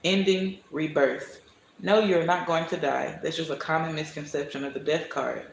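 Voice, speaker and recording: A man with a fairly high voice gives a live tarot reading in a casual, profane and preachy way. He talks bluntly and emphatically. The sound carries a roomy echo with a faint hiss behind it. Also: fairly even intonation, normal speed, gravelly. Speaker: tarot reader streaming live.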